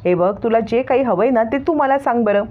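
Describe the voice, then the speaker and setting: A woman's voice: on the high side, a little fast, natural voice. A woman doing a sweet-talking, coaxing young woman. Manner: coaxing, soft-spoken. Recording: tinny phone-like sound.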